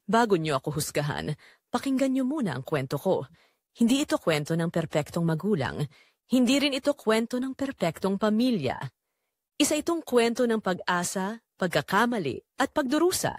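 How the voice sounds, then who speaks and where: As a heartbroken middle-aged mother in an audio drama, a woman makes her confession in an earnest, deliberate, sing-song manner with wide pitch movement. The recording is very dry, and her tone is earnest and pleading.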